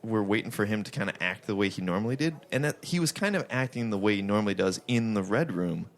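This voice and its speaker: A man with a low but lively, swinging voice co-hosting a casual TV recap chat. He keeps tossing in jokey, playful asides. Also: fast. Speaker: podcast co-host.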